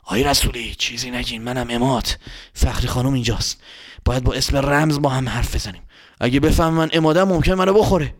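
A man's voice: medium pitch, lightly acted. A man voicing a frightened young neighborhood boy who rambles breathlessly in a panic. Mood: secretive.

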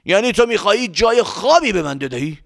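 A man putting on a gravelly, hot-headed traveler. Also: sits high, animated, a bit bright, dry recording, clean studio sound, pitched above the performer's own voice, heavily acted. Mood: astonished. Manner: scolding, grumbling to himself. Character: hot-tempered, rude grown man traveler, muddled and boastful. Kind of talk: storybook character voice.

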